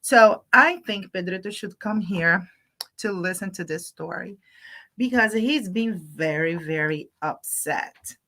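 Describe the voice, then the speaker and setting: The host of a children's storytime channel livestreams for young kids, using simple teacher-like phrases mixed with Spanish words. Her voice is lowish and fairly bright, and she keeps a measured pace.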